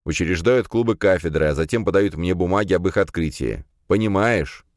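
Curt, grumbling middle-aged rector, read by a man in a low voice. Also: brisk, no echo, clean studio sound, close to an everyday voice. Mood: irritated. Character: grumpy middle-aged male university rector.

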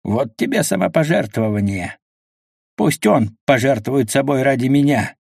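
A man's voice: medium pitch, lively intonation, measured pace, gravelly, a little mellow, no room sound, studio quality. A man voicing a cowardly, scheming male fisherman who plays the hero in raised, pleading tones. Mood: scornful.

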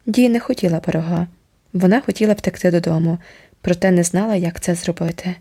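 A woman narrating an audiobook of a novel in a steady, even storytelling manner. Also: lowish voice, a little fast, creaky, breathy edge.

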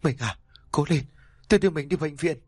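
A man voicing a desperate, quick-tempered old man who pleads and shouts in a strained, raised voice. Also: fairly high pitch, breathy edge, no echo, pitched above the performer's own voice. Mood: panicked.

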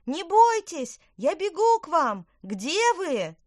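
A woman's voice: a little high, expressive, normal speed, darkish tone, no room sound, studio quality, voice pushed up, close to an everyday voice. A woman voicing a cheerful, caring female apple-tree witch in a storybook reading. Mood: urgent.

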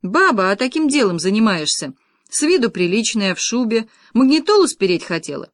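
A woman voicing an angry middle-aged man who yells rude, indignant accusations in an audiobook. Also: on the high side, big pitch swings, fairly quick, dry recording, clean studio sound. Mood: yelling indignant.

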